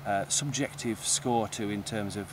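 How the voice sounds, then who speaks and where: A man's voice: on the low side, steady tone, unhurried, background noise. A man, thoughtfully explaining things in a precise way. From East Lancashire, England. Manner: thoughtful, precise, restarts words mid-phrase. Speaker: guest. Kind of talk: conversational interview.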